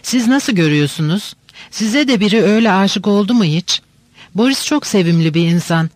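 Lively teenage girl, stubborn, teasing, chattering, read by a man, fairly high voice, dry close sound. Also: normal speed, dry recording. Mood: eager.

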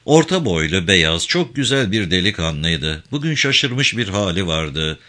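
A man reading a literary story aloud in a measured, expressive storytelling manner. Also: sits low. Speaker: narrator.

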